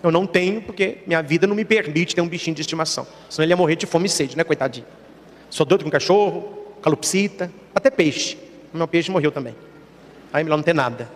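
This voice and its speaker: A man delivers a sermon in a high voice. He moves between teaching and storytelling, voicing the characters in his anecdotes. The sound rings with the long reverb of a large church hall. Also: quick pace. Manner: lively storytelling, acts out characters in stories.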